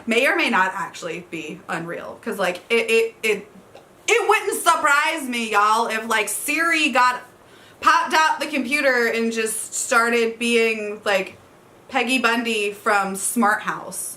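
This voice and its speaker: A woman's voice: fairly high pitch, takes it slowly, sharp tone. A woman, chatting casually about books for a vlog, laughing and swearing. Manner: chatty, swears, says y'all, laughs often. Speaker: book vlogger. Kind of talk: casual book tag chat.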